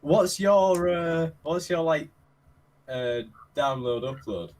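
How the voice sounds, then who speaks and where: Slow-talking man on a call. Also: fairly high pitch, lively intonation, darkish tone, poor audio. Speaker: guest. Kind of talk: casual chat.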